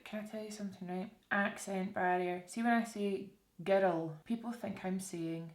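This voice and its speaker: A young Scottish woman presents a makeup tutorial as a beauty vlogger, chatting informally and often asking her viewers questions. Her mid-range voice keeps fairly even intonation at normal speed, in a roomy, echoey indoor space.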